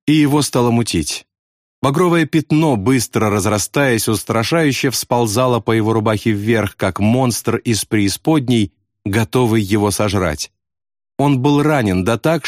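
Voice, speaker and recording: A man reading a novel aloud with dramatic, expressive narration. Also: on the low side, no echo, clean studio sound. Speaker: audiobook narrator. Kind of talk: scripted narration.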